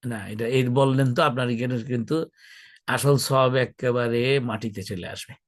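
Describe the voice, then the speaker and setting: A man's voice: mid-range voice, fairly even intonation, fairly quick, no room sound. Middle-aged male Islamic lecturer, conversational, questions the audience, drawls his key words. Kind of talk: religious talk to an audience.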